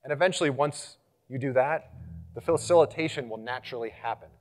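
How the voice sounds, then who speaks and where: A man gives a live conference talk in a middle-pitched voice. He is energetic and engaging, and he gets loud and animated as he leads the audience through exercises. He speaks as a presenter working a room. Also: brisk. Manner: animated, gets louder when rallying the room.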